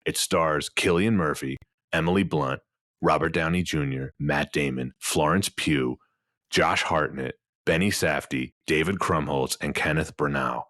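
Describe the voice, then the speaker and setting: A man's voice: a bass voice, unhurried, fairly bright tone, no echo, clean studio sound. A man hosting a casual film podcast, chatting and reading out film details with a few stammers. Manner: chatty, stammers on restarts, reads film facts out. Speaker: podcast host.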